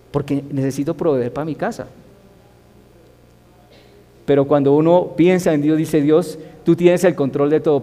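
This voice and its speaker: A man's voice: fairly high pitch, warm tone, in a large hall. A man teaching a Bible study as a sermon, asking his listeners rhetorical questions. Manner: asks the audience rhetorical questions.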